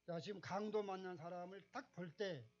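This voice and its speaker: A man preaching a sermon as a pastor, telling a story and rising to loud, emphatic exclamations. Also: sits high, normal speed. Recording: dull, muffled recording.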